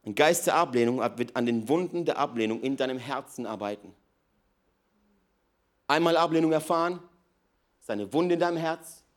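A pastor preaches with energy in a big church hall, his voice moving from forceful, loud outbursts to soft, low-spoken asides. He speaks at a moderate pace and pauses often.

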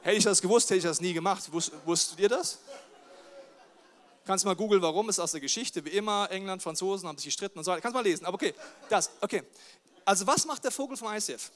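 A man, a pastor, giving a lively sermon, joking and firing questions at the congregation. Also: sits high, fast. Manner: animated, jokey, talks straight to the crowd with questions. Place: church service with a live audience.

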